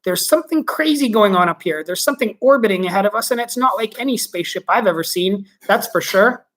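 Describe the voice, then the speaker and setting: A man's voice: expressive, fast talker, fairly bright tone. A man reading a children's book aloud, voicing a panicky male astronaut captain in a raised, urgent voice. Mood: alarmed. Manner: high, urgent, breathless reports.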